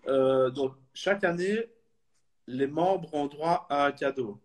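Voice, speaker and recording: This is a supporters club guest, a Belgian man in his thirties, chatting in a relaxed online video interview. His voice sits on the high side and is slow and a little mellow, and he hesitates a lot, stumbling through fillers and false starts.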